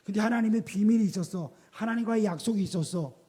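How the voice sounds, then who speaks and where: A male pastor preaching a lively sermon in a church, asking the congregation questions and acting out the people he quotes. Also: sits high, quick pace, husky. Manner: animated, asks the congregation rhetorical questions; acts out quoted voices within the sermon.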